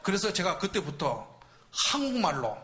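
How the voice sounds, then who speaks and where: Animated high-pitched preacher. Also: male voice, moderate pace. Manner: animated storytelling with shouted reenactments. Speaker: preacher at a Friday night service. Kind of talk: storytelling sermon testimony. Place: church sanctuary.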